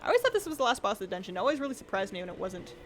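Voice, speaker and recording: A woman streams a game while chatting and rambling, reading viewer comments out loud, her voice a little strained from talking. Her delivery is rapid-fire, with big pitch swings in a mid-range voice, and slight background noise can be heard.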